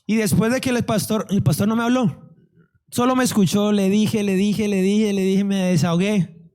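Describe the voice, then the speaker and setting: Guy giving his church testimony, kinda high voice, mellow tone, acts out the dialogue. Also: moderate pace. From Colombia. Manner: animated storyteller, acts out dialogue. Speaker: testimony speaker.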